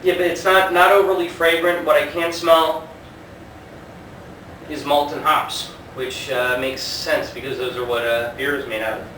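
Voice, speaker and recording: A man casually reviewing a homebrew in a relaxed, unhurried way with plenty of fillers, recorded on a camera at a distance. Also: on the high side, slight background noise. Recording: echoey room, mic at a distance.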